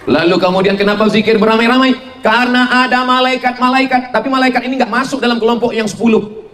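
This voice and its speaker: A middle-aged man giving a humorous sermon to a congregation, animated and full of mimicry. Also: quick pace. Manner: animated, mimics voices for jokes, shifts between high and low pitch. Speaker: Islamic preacher.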